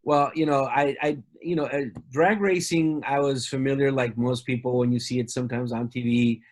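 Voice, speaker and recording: A man's voice: medium pitch, steady tone, normal speed, a little mellow. A man from Argentina, a company representative, talking casually in an interview with many fillers and restarts.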